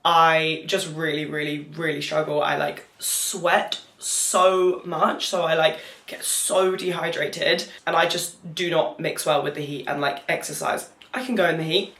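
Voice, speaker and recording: A woman's voice: fairly low pitch, steady tone, moderate pace, a bit bright. A young British woman chatting casually to camera, candid and rambling, dropping "like" into her sentences as she recounts her experience. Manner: rambling, candid, frequent filler "like". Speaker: vlogger. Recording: roomy echo.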